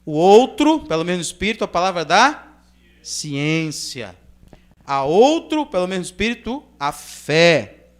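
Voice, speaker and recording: A man with a Brazilian accent, reading scripture aloud in measured phrases and then explaining it in a loose, conversational sermon style. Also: high-pitched, big pitch swings. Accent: Brazilian Portuguese. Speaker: preacher. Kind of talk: Bible reading and informal sermon commentary.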